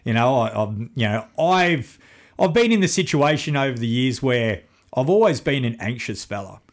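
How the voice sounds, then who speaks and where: A man's voice: mid-range voice, lively intonation, moderate pace. A man with an Australian accent chatting casually like a blokey tradesman, full of slang and swearing. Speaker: podcaster and construction worker, guest. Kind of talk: casual chat.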